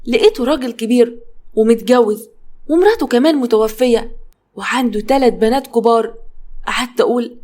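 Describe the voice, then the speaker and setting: A woman with an Egyptian Arabic accent tells a first-person story in a chatty manner, turning now and then to speak directly to her listeners. Her voice is warm and a little high, and she talks briskly.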